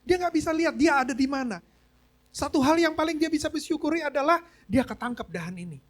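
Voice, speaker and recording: A man's voice: very high-pitched, lively intonation, quick pace. A man preaching a sermon as pastor, telling a story and mixing English phrases into his talk. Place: church service.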